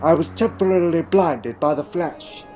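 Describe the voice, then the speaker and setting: A man's voice: on the high side, mellow, faint music behind, lightly acted. A man playing an eccentric, wry Time Lord adventurer, delivering a theatrical, brooding monologue in a fan audio drama. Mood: defiant, dramatic. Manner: theatrical, brooding, with dramatic pauses and sudden exclamations.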